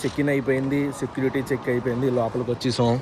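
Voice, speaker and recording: Holding his phone while traveling through an airport and city streets, a young man vlogs casually and teases his friends. He speaks very fast in a mid-range, slightly mellow voice with little pitch movement, over noisy street and traffic sound.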